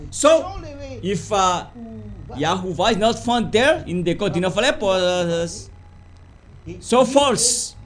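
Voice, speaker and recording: Slow, high-voiced preaching man. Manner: slow and deliberate, spells out words letter by letter, rising to emphatic insistence. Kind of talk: sermon teaching.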